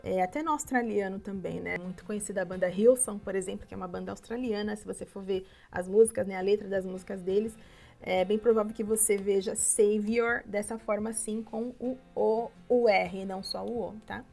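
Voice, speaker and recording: A woman's voice: medium pitch, steady tone, a little fast, gravelly, a little mellow, faint music behind. A woman with a Brazilian Portuguese accent teaching an English lesson, explaining patiently and checking in with her viewers often.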